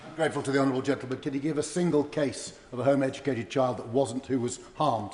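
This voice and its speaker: A man's voice: medium pitch, steady tone, fast, a little mellow. A man intervening in a parliamentary debate in a challenging, insistent manner. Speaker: member of parliament. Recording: echoey, reverberant chamber.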